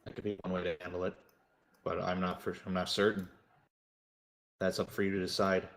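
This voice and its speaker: A man voicing a grave male informant who briefs adventurers on their enemies in a measured, stately way. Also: sits low, little pitch movement. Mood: matter-of-fact.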